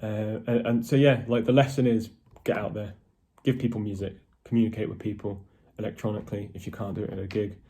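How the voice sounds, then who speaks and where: A man's voice: on the low side, little pitch movement, a little fast, few pauses, warm tone, a little hiss or hum. A man from a metal band, giving a casual, rambling video update to fans with many ums and restarts. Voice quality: posh-sounding voice.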